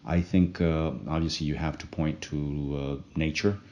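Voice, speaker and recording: A man from French Polynesia, a guest speaking in a thoughtful, casual interview manner with many pauses and fillers. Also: a bass voice, steady tone, a little mellow, muffled recording. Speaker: guest, project co-founder.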